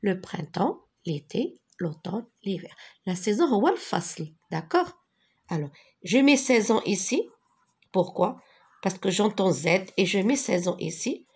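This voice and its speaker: A woman teaching a French spelling lesson, patiently repeating each word slowly, with a few translations. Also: mid-range voice, big pitch swings, a little mellow, slightly rough. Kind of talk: slow classroom lesson with repetitions.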